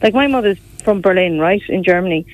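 A woman's voice: medium pitch, expressive, fairly quick, no echo. A woman with a west of Ireland accent talking politics in a radio interview, in a conversational way peppered with filler phrases. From Galway, west of Ireland. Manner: conversational, frequent "you know" and "like". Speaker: opposition politician. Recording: dull, dry radio sound.

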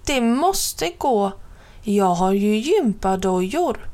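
A woman reading a storybook aloud, voicing an eager, stubborn little boy who calls out excitedly. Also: medium pitch, close to an everyday voice. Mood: insistent. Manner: excited calling out, insistent.

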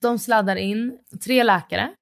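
A woman's voice: a little high, vocal fry, soft background music. A woman in her thirties co-hosting a podcast, telling a story in casual chat, acting out what others said and swearing freely. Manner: animated retelling, acts out dialogue, swears casually. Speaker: podcast co-host.

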